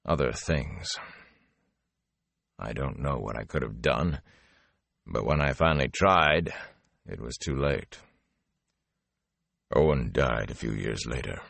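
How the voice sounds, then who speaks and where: A man voicing a weary older wandering storyteller in an audiobook, speaking low and level. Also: animated, unhurried, vocal fry, pauses often, a bit bright, no room sound, full character voice. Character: weary older male gleeman, gruff and dry.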